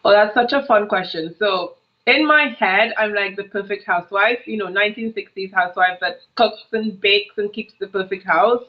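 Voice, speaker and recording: Speaking through an earphone headset on a video call, a woman from Trinidad in her thirties, a business coach, tells stories with frequent laughter during a casual interview. Her mid-range voice moves at a moderate pace, and the recording is muffled. She sits in a brick-walled home office.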